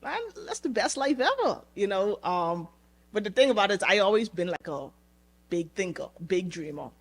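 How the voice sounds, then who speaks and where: A young woman from the Bahamas, talking casually as a podcast guest, relaxed and chatty, laughing easily and repeating words as she goes. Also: medium pitch, moderate pace. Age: young adult. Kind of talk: casual interview chat.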